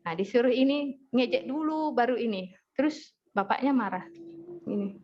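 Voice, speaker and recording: A woman's voice: a little high, lively intonation, normal speed. A woman, a hypnotherapist telling family stories in a parenting talk, acting out dialogue. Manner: chatty, storytelling, acts out family dialogue. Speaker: hypnotherapist speaker. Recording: dull lo-fi audio with faint noise.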